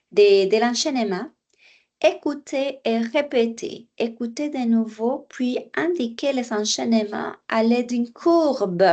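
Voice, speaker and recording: A woman teaching French at an unhurried, deliberate pace. She explains exercises patiently, repeats each phrase and now and then slips into for her students. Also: on the high side, darkish tone. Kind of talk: online language lesson, explaining exercises.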